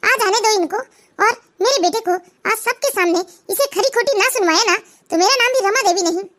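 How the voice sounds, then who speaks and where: A woman voicing a harsh older mother-in-law who scolds and threatens in a shrill voice. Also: normal speed, fairly bright tone. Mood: angry.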